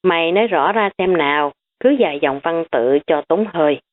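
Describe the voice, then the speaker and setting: Nosy teasing young guy voiced by a woman, low voice, phone-like audio. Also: animated, moderate pace. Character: cheeky young male friend. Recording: tinny phone-like recording.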